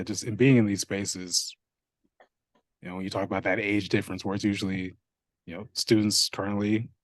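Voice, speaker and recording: Low-pitched guy asking questions in a casual interview, lots of yeahs and likes, dry room. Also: dry recording. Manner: loose, searching phrasing with many fillers.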